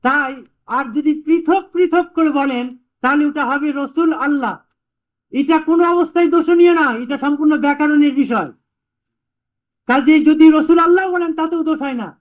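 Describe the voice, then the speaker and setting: A man's voice: very high-pitched, lo-fi sound. A Sufi preacher giving a patient sermon, explaining his points by repeating them, on an old 1981 recording. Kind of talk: sermon before group remembrance.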